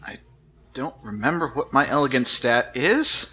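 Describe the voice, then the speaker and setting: A man's voice: medium pitch, lively intonation, normal speed, pushed and bright, slightly rough. A man talking informally and with some swearing as a tabletop game player. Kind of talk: casual game chat.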